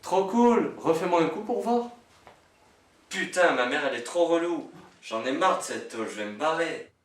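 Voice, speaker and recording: Man acting a cheeky, high-voiced teenage son. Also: expressive, moderate pace, natural voice. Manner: slangy, casual. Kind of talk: parody film acting. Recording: echoey room, off the mic.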